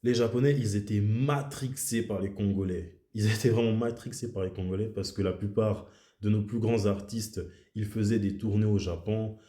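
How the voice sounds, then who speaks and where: A man's voice: on the low side, fairly even intonation, normal speed, dark tone, echoey room. A man speaking his native French in a casual, reflective monologue as a video host, often repeating himself for emphasis.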